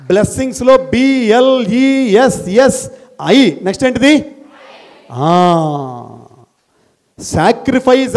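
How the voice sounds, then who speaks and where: A middle-aged Indian school principal with a very high voice gives an animated motivational talk at a college gathering. He fires rhetorical questions at the students and repeats key phrases for emphasis.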